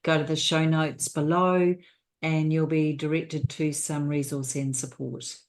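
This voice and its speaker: A woman's voice: sits low, flat delivery, unhurried. A woman with a New Zealand accent hosting an interview show, welcoming and earnest. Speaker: host.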